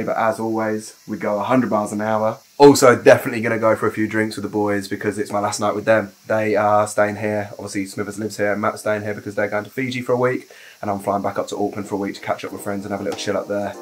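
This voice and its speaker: A young man, chatting casually and cheerfully to a handheld camera while travelling outdoors, laughing often. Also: lowish voice. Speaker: travel vlogger. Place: outdoors on a road trip.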